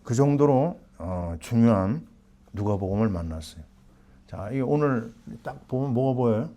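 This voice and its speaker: A man's voice: mid-range voice, lively intonation, moderate pace, mellow. A middle-aged man preaching a sermon as pastor, asking the congregation questions and answering them himself.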